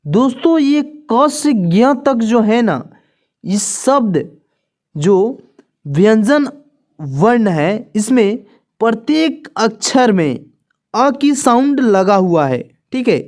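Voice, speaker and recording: A woman with a fairly high voice runs a beginner reading lesson at a very slow, deliberate pace. She names each letter patiently and repeats it for her viewers. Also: big pitch swings, a little mellow. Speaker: teacher.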